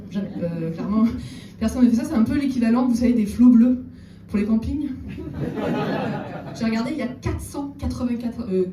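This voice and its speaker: A woman doing a stand-up comedy set on stage, chatting with the audience and slipping in deadpan ironic asides. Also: fairly high pitch. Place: theater stage before a live audience. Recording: roomy echo, distant mic, audible room noise.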